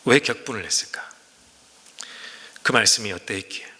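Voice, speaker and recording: A male pastor preaching a sermon, animated and emphatic, asking the congregation rhetorical questions. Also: on the low side, moderate pace. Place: church sanctuary. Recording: long reverb of a church hall.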